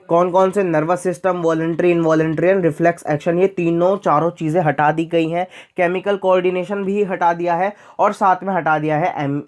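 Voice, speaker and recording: Young male explainer, chatty, keeps repeating key points, talks straight to students. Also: high-pitched. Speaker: teacher explaining syllabus changes.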